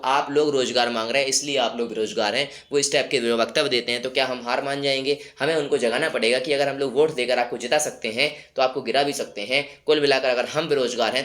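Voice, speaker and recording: A man's voice: medium pitch, a bit bright. A man with a sore throat and a cold, hosting his channel and urging viewers with rhetorical questions. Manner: rallying, exhorting, rhetorical questions. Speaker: YouTube channel host. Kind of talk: motivational commentary to viewers.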